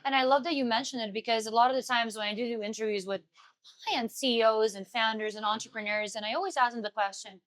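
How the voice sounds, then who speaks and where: A young woman hosts a live event interview, quick and eager, gushing over her guest. Her voice sits a little high for a woman, and the words tumble out at a fast clip. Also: fairly bright tone. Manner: enthusiastic, gushing, fast-talking. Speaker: interview host.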